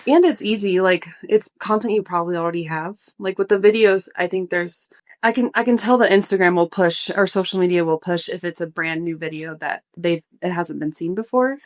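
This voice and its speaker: In a fairly low voice at a brisk pace, a young woman who blogs about food answers interview questions. Her casual talk is relaxed and thoughtful with plenty of fillers, and she's slightly winded.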